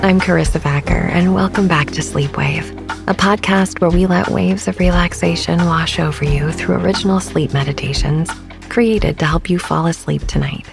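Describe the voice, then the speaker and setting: A woman in her thirties, hosting a podcast, gently narrates a sleep meditation in a soft, breathy, soothing voice, never hurrying. Her pitch is on the low side, and music plays underneath.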